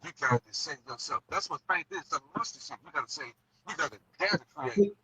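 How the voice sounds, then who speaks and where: A man calling in by phone from a car, urging listeners about faith, and his voice comes through muffled and bass-heavy. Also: animated, fast, over a noisy crowd. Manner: preachy, insistent, repeats short commands. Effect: muffled, bass-heavy, distant-sounding voice. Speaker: guest speaker on a livestream. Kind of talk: fervent faith-based exhortation.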